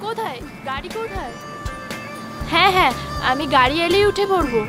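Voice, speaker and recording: An actress playing a brisk, dismissive city woman who is curt and impatient with a villager. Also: very high-pitched, lively intonation, over music. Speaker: city woman waiting for a car. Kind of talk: comic film acting.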